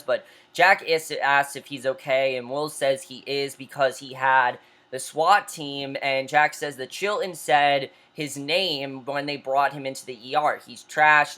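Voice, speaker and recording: A woman's voice: low voice, fairly bright tone. A woman reviewing a TV episode in a casual recap. She retells scenes loosely with restarts and keeps calling things interesting.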